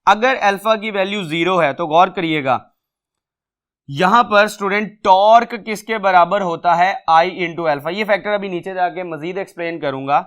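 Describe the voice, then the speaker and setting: A man's voice: sits high, normal speed, fairly bright tone, clean tone. A man teaching a physics entry test lecture, who asks the students questions and then answers them himself.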